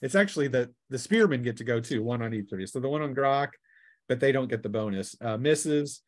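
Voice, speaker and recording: This game master has a mid-range voice and talks fairly quickly with plenty of expression. He narrates his tabletop RPG session loosely and improvised, and he keeps performing vocal sound effects and cries.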